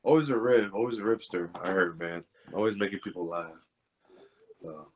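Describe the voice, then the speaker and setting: A young man, an interview guest, telling family stories in a casual way, laughing and doing lively voices for the people in them. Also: low-pitched, moderate pace. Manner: laughing, animated impressions in retelling. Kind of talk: casual storytelling. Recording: dull lo-fi audio.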